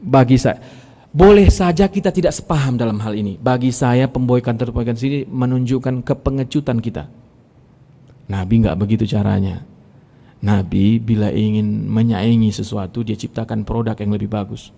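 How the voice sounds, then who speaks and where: Medan-accented preacher in an echoing mosque. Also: male voice, medium pitch, normal speed, vocal fry. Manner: lively, direct, challenges the audience. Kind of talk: sermon with storytelling. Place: large mosque hall. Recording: reverberant mosque hall.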